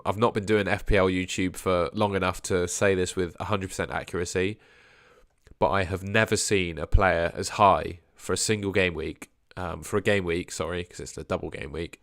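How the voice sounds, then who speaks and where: A young male fantasy football livestream host with a low voice chats casually with viewers, a bit hoarse from a sore throat and losing his voice. He hedges a lot and lets his phrases trail off quietly, and the studio-quality recording has no room sound.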